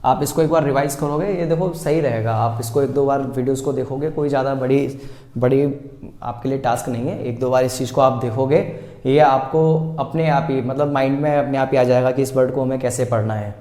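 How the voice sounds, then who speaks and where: A man teaching basic English reading in Hindi, sounding out words slowly, repeating them and asking the viewer how to read them. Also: medium pitch, steady tone, dark tone, roomy sound. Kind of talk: spoken classroom lesson.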